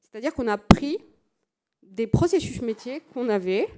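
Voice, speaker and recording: A woman speaks from a conference stage, pausing often on fillers and restarting her phrases. Her voice sits a little high but sounds soft and mellow. She now and then breaks into a light laugh between points. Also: lively intonation. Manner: hesitant, many fillers and restarts. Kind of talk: conference talk.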